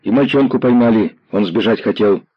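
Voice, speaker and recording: A man voicing a young male soldier giving a brisk report to his commander. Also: fairly low pitch, husky, no echo, muffled recording. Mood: dutiful.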